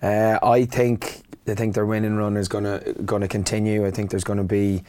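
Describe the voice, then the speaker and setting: A man giving casual sports analysis as a rugby pundit, halting and repeating words as he reasons. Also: fairly low pitch, flat delivery, mellow. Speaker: rugby pundit, former player or coach.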